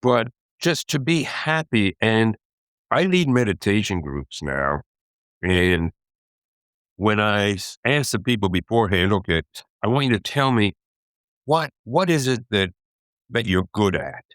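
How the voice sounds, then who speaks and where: A man in his eighties, a guest in an interview, telling stories slowly and reflectively with some hesitations. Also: fairly low pitch, very animated, fairly bright tone, dry recording, clean studio sound. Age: 80s. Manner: slow, reflective storytelling with hesitations. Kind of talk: relaxed interview talk.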